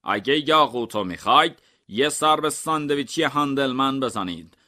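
A man's voice: mid-range voice, lively intonation, pushed and bright. A man voicing a museum guard and an inspector in a comic mystery story reading, speaking matter-of-factly and questioning firmly. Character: museum guard and inspector, plain grown men.

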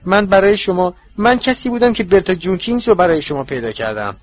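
A man voicing a frightened, cringing male servant who stammers and pleads in a husky voice. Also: high-pitched, animated, highs cut off, pitched above the performer's own voice. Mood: hurt. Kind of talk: audiobook character voice.

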